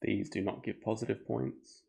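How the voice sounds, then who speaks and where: A man streaming a board game live, thinking aloud in a relaxed, chatty way. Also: on the low side, moderate pace, vocal fry. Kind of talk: casual live game commentary.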